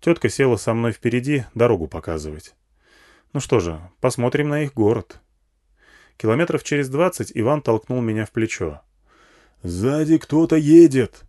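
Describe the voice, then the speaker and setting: A man narrates a first-person audiobook in a dry, matter-of-fact way. His pitch sits in the middle and moves a lot. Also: lively intonation, moderate pace, a little mellow. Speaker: audiobook reader.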